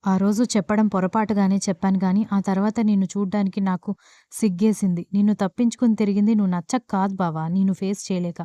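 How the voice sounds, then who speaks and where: Woman reading the part of a pleading anxious young bride, quick, mellow dark voice, dry dull audio, storybook. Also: mid-range voice, fairly even intonation, dry recording, close to an everyday voice. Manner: pleading, tearful appeals.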